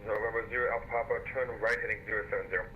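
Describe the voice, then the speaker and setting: Brisk male air traffic controller over headset radio. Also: fairly low pitch, fairly even intonation. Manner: brisk, procedural. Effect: heard over a pilot headset radio. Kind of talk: clipped radio phraseology on an online flight simulation network. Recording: muffled radio channel with faint noise.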